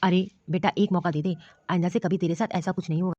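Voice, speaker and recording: Stern protective old father-in-law for a cartoon, voiced by a woman, fast scolding delivery, dull dry lo-fi sound. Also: lowish voice, steady tone, dark tone, dry recording, close to an everyday voice. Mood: pleading. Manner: scolding, commanding. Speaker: cartoon voice actor. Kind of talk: storybook cartoon dialogue.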